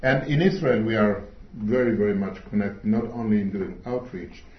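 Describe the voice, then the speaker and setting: A middle-aged man delivers a sermon in slow, deliberate English, pausing often to find his words. His voice sits a little low. The recording is dull and roomy, as if captured in a hall. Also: a little hiss or hum. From Switzerland. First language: not English. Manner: slow, earnest, pauses often with fillers. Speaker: speaker at a church meeting. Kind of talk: sermon talk.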